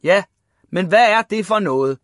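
A man voicing a loud, blustering, gruff father who shouts at his son. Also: high-pitched, expressive, dry recording, studio quality, voice pushed up. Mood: shouting. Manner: shouting, table-banging bluster.

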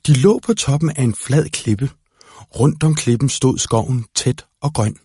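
Man narrating a children's storybook, husky, dry close mic. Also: mid-range voice, dark tone, dry recording. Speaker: audiobook narrator.

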